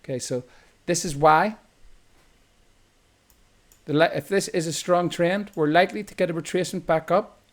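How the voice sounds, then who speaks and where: A man's voice: on the high side, normal speed, pauses often. Irish man explaining charts, self-correcting. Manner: loose and explanatory, often correcting himself mid-sentence. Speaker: trading instructor. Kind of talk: screen-recorded chart tutorial.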